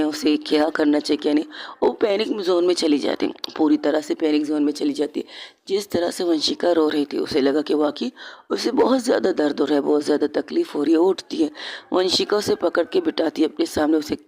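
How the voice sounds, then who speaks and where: A woman's voice: low voice, fairly quick, darkish tone. Conversational woman telling a story. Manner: conversational, repeats phrases, self-corrects. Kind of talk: audio story narration.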